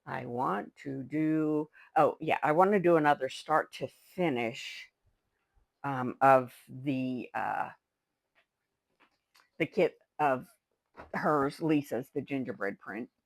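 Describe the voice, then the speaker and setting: A woman's voice: extremely low pitch, takes it slowly, long pauses, dry recording, low-quality recording. An older woman hosting a craft video, chatting casually and rambling to herself as she works. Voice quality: gravelly, husky. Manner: chatty, rambling, talks to herself while working. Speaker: craft channel host.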